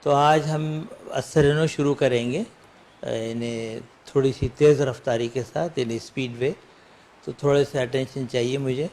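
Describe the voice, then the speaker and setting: A man's voice: medium pitch, fairly even intonation, darkish tone. Man teaching the alphabet. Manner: patient, drills letters by repeating them slowly. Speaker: Urdu teacher and show host. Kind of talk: classroom alphabet lesson.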